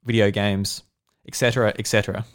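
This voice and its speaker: A man's voice: on the low side, little pitch movement. A man in his twenties with an Australian accent, hosting a casual podcast chat, joking and teasing his co-host. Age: 20s. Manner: jokey and teasing, fast asides.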